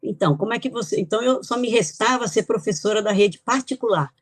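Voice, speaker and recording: A woman's voice: mid-range voice, lively intonation, quick pace, no room sound, clean studio sound. An older woman from Italy, a guest author on a podcast interview, telling her life story in a chatty, reminiscing way with light laughs.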